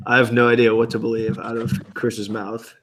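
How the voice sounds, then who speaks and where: A man's voice: medium pitch, monotone, normal speed, a bit bright, slight background noise. A man hosting a casual live-stream hangout, teasing his guests in a dry way and laughing often.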